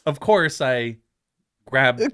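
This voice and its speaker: A man's voice: mid-range voice, lively intonation, drawn-out words, bright, forceful tone, a little hiss or hum. A middle-aged man from New Mexico, a podcast guest telling rambling, laughing stories and swearing freely. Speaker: podcast guest, pizza consultant. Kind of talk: casual chat, storytelling.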